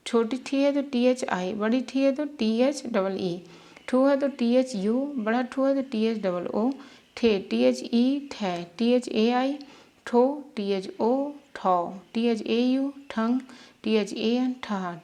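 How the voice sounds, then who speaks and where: Slow, patient woman teaching spelling. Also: on the high side, warm tone. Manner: patient, repeats syllables slowly, checks with "theek hai". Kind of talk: spelling lesson for beginners.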